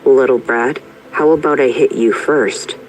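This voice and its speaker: A man's voice: medium pitch, fairly even intonation, a little slow, a little hiss or hum, close to an everyday voice, low-quality recording. A man voicing a cold, domineering rich young man who speaks curtly and commandingly.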